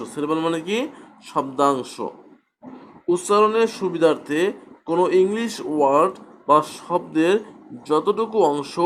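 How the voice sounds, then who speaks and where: A man teaching a grammar lesson at a slow, deliberate pace. His voice sits a little high, and he asks questions aloud and then answers them himself. Faint background noise runs under the recording. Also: fairly bright tone.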